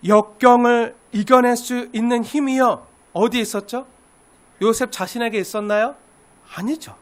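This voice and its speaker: Pastor guy preaching, super high voice, keeps throwing questions at the crowd. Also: fairly bright tone. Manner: emphatic, many rhetorical questions to the congregation. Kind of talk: sermon.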